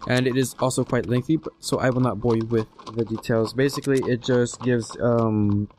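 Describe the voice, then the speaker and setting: A man's voice: mid-range voice, steady tone, moderate pace, a little mellow, slight background noise. A young man giving casual, joking commentary as he plays a video game. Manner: joking, goofy, chatty. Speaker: let's play host.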